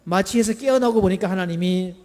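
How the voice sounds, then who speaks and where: A middle-aged man preaches in a church sanctuary, his voice pitched high and mellow. He quizzes the congregation playfully and leads them in call-and-response lines. The hall gives his words a long, echoing tail. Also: fairly quick. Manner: playful, asks the congregation questions and has them repeat. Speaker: pastor. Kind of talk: lively sermon.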